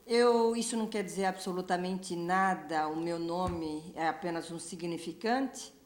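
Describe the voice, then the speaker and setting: A woman from Brazil with a Brazilian Portuguese accent, giving a measured, reflective testimony as a literature professor and pausing often with fillers. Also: fairly low pitch, slight background noise. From Brazil, São Paulo. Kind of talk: recorded testimony, speaking to camera. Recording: echoey room.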